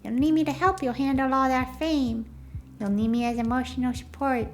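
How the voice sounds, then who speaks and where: A woman's voice: high voice, steady tone, normal speed, soft background music. A woman giving casual, playful game commentary, thinking aloud and talking back to the characters. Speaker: gamer playing through a story game.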